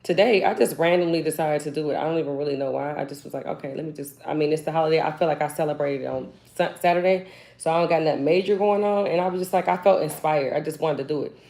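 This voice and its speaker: A woman's voice: low-pitched, fast, creaky. A woman from Cleveland hosting a live video call, chatting casually and loosely with her viewers. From Cleveland, Ohio. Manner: relaxed, chatty, loose Southern-style slang. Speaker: host of a live hair care consultation. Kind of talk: casual live stream chat.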